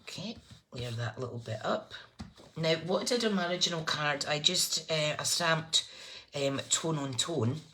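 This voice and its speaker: Low-pitched woman, broad Scottish accent, background noise. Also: animated, normal speed, sharp tone. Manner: informal, chatty, thinking aloud while working. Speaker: crafting livestream host. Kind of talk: casual live craft tutorial, chatting to viewers. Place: indoors at a craft table. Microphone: phone above the desk. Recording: clear background noise, clicks of handling.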